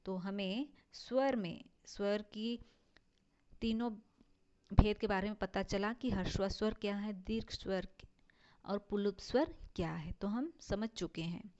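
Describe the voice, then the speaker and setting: A woman teacher, slowly explaining a lesson and drawing out her example words. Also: medium pitch, warm tone. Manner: slow, deliberate, stretches out example words. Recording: dull lo-fi recording.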